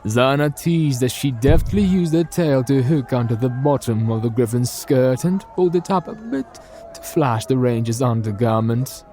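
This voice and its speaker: A man delivering scripted narration for an audio drama. His pitch sits at an ordinary middle range and he tells the story steadily. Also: animated, normal speed, warm tone, soft background music.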